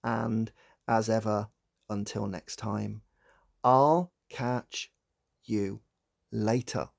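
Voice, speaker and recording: A man hosting a psychology channel, giving scripted video-essay narration in a measured, explanatory way. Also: on the low side, fairly even intonation, creaky.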